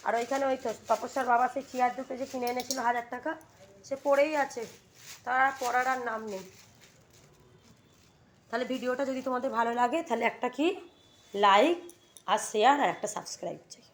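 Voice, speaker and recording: A woman's voice: a little high, steady tone, a little fast, long pauses, a little hiss or hum. A mother chatting to her viewers in a casual home vlog, talking them through her day while scolding and coaxing her children.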